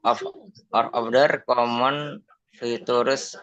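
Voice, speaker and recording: A man with an Indonesian accent, a student reading out an English definition in class, halting word by word. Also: medium pitch, steady tone, a bit bright, no echo, highs cut off.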